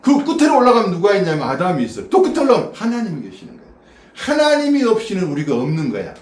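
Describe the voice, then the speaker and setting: A man's voice: sits high, huge pitch swings, fast talker. A male pastor giving a casual sermon to a small congregation, chatty, questioning his listeners and often laughing. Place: small church room. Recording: roomy echo from a distant mic with faint background noise.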